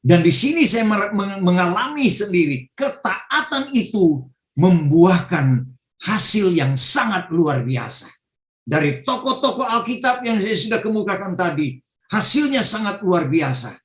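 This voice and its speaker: A middle-aged man preaching, telling his testimony with emotional, fervent bursts. His voice sits high for a man. It comes through a video call with a roomy echo around it. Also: sing-song, a little slow. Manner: emotional storytelling, fervent exclamations. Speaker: pastor. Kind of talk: testimony sermon.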